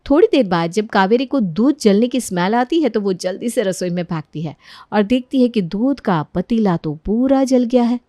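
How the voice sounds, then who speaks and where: A woman narrating a children's cartoon story in a clear storytelling manner. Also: mid-range voice, lively intonation, normal speed, dark tone, dry recording, studio quality.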